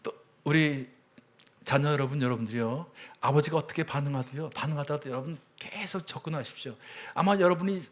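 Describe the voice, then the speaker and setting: A middle-aged man preaching a sermon as a church elder, telling stories with sudden swings between loud cries and hushed words. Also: fairly high pitch, a little fast. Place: church sanctuary.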